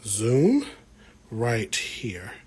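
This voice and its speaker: This American man speaks very slowly, his medium-pitched, darkish voice swooping wildly up and down. He's a plant vlogger on a livestream, working as he talks to viewers in a relaxed, slangy, folksy manner. The recording carries clear background noise and the feel of the room.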